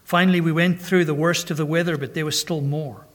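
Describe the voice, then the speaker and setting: A middle-aged man preaching a sermon, telling a story dramatically and swinging from urgent declarations to hushed, quiet lines. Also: a little high, fairly even intonation, fairly quick.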